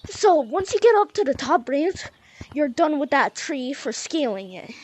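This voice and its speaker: High-pitched young girl explaining game moves, kinda breathless, says y'all a lot, little hiss behind. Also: big pitch swings, measured pace, a little mellow. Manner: chatty, loose, says y'all and like. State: a bit out of breath. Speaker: gaming tutorial host. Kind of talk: casual game tutorial.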